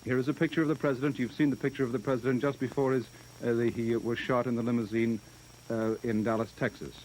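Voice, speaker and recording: A man's voice: medium pitch, level tone, a little mellow, a little hiss or hum, poor audio. Man announcing in an old newsreel. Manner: formal, measured bulletin reading. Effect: old newsreel broadcast. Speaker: news announcer. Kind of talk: 1960s television news bulletin.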